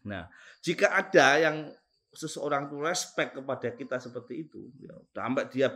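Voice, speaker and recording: A man with a Javanese accent teaching students in a relaxed religious study session. His delivery is animated: he leaps up to loud, stressed words, then drops to soft asides. He chuckles often and keeps repeating and explaining key terms. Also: mid-range voice, moderate pace. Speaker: Islamic teacher at a boarding school. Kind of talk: casual Ramadan religious study talk.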